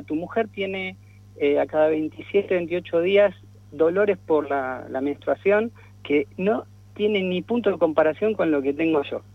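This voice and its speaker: A man's voice: a little high, dry recording. Hesitant man, lo-fi radio. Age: 40s. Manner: hesitant, many restarts and fillers. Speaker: guest. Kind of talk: radio interview. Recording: dull lo-fi radio sound.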